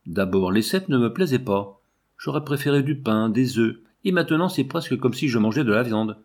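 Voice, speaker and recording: A man's voice: medium pitch, animated, normal speed, darkish tone. A man reading as a weary grumbling old scholar. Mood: puzzled. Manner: grumbling, reasoning aloud.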